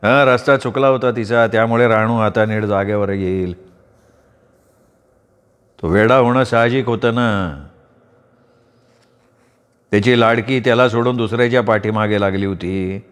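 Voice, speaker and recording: A man voicing a brooding middle-aged village landlord who speaks in steady, measured tones. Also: fairly low pitch, smooth, pitched below the performer's own voice, lightly acted. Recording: long reverb.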